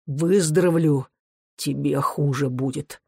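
A reader voicing a dying, surly older workman with a low, hoarse snarl. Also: slow pace, a little mellow, no echo, studio quality, full character voice. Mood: bitter. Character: dying surly male factory locksmith, gruff.

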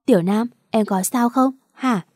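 A gentle young man apologizes tenderly in a storybook romance, read by a woman narrator. The voice is warm and relaxed, and it is recorded dry and close. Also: a little high, a little slow, dry recording. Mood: tender remorseful. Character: remorseful young man comforting his lover.

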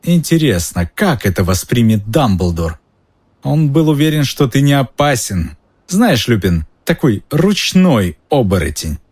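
A man with a husky voice reading aloud and voicing a cold, venomous male schoolmaster who hisses and sneers. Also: medium pitch, very animated, measured pace, voice pushed up. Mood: sneering. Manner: hissing, sneering, bursts into shouting.

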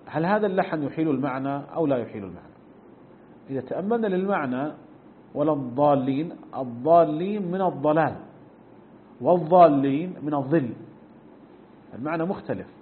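A man's voice: a little high, animated, quick pace, pauses often, slight background noise. A middle-aged man teaching a religious text, explaining points and demonstrating pronunciations as he goes. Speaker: sheikh teaching a fiqh text. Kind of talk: recorded religious lesson. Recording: tinny phone-like lesson recording.

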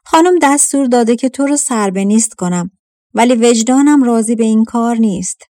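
A woman's voice: fairly high pitch, warm tone, no room sound, clean studio sound, natural voice. A woman voicing a loyal, kind old male servant who pleads anxiously in a storybook tale. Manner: frightened, pleading, emphatic.

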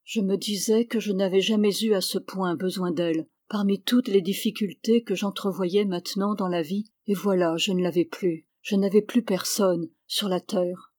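Brief: female audiobook narrator, measured and clear, mid-pitched voice, dry close recording. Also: fairly even intonation, darkish tone, dry recording. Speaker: audiobook reader.

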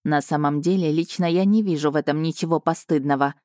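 A woman narrating a first-person fantasy novel in an even, measured storytelling way. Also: sits low, no room sound, studio quality. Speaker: audiobook narrator.

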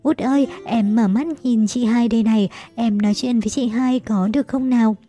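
A woman's voice: on the high side, fairly even intonation, brisk, warm tone, soft background music, natural voice. A woman voicing a caring, anguished eldest sister from a storybook, pleading and tender with her younger siblings.

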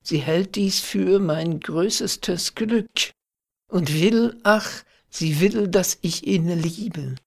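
Guy reading as a young shepherdess, tearful and pleading, gravelly and husky, slow. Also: a little high, steady tone, heavily acted. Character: grieving young shepherdess torn by duty.

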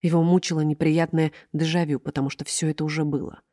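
A woman reading an audiobook in measured, ironic narration. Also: low voice, little pitch movement, dark tone, dry recording, studio quality. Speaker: audiobook reader. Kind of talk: scripted narration.

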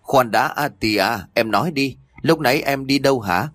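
A man's voice: medium pitch, normal speed, a bit bright, dry recording, clean studio sound, voice pushed up, lightly acted. A man voicing a frightened young noblewoman who pleads tearfully with her mother-in-law. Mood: urgent.

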